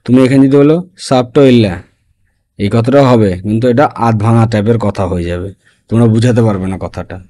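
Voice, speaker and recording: Mellow-voiced man teaching a language lesson. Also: medium pitch, steady tone, quick pace. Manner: explains phrase by phrase, often asking "okay?".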